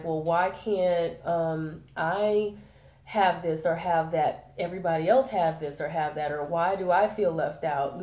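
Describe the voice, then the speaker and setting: Mellow and on the low side, a woman's voice echoes in the room as she gives a relaxed spoken tarot reading. A head cold leaves her sounding nasal, and she fills the talk with fillers and check-ins.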